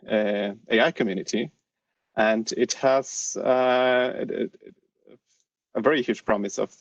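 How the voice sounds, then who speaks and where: Man muffled by a face mask, halting. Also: medium pitch. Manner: halting, with very frequent hesitations. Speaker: host of an online research session. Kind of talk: hesitant spoken introduction. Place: shared office space. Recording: roomy, distant, dull sound.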